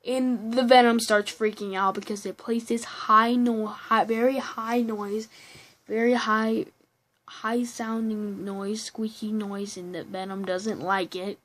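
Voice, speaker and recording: In a home room with a computer at her back, a woman rambles through a movie review, restarting sentences and breaking into giggles. She speaks slowly with a flat delivery in a voice on the high side, and the audio quality is poor.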